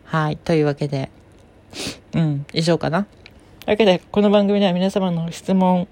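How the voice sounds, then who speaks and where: Woman voice trainer hosting a solo podcast, low-pitched, calm and explanatory. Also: normal speed. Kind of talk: casual solo podcast talk.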